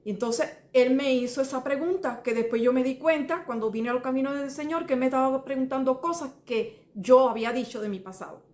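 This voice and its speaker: A middle-aged woman with a Cuban Spanish accent, sharing a faith testimony in a slightly high voice. She talks earnestly and circles back over details, often turning to the listener as brother. The recording carries a roomy echo. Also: brisk, few pauses, a little mellow. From Cuba. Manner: earnest, rambling, restarts and repeats details, addresses listener as brother. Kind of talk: personal testimony.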